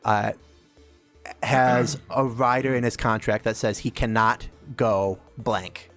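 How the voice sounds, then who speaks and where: A man co-hosting a board game stream, chatting casually with friends and telling stories in halting restarts. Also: medium pitch, fairly even intonation, fairly bright tone, faint music behind. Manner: rambling storyteller, halting restarts. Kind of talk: casual chat among friends.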